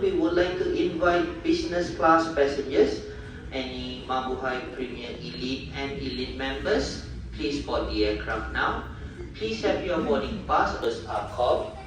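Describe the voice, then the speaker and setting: Echoey airport announcement, formal man. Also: mid-range voice. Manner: formal, scripted courtesy. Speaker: airline gate agent making boarding announcement. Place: airport gate, over public address. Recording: echoey airport PA, distant, background noise.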